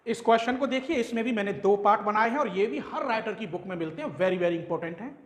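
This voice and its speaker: A man's voice: high-pitched, reverberant. A man teaching maths, working through a problem step by step and quizzing students with rhetorical questions. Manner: dictates step by step, slowly spelling out symbols. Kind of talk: classroom maths lecture.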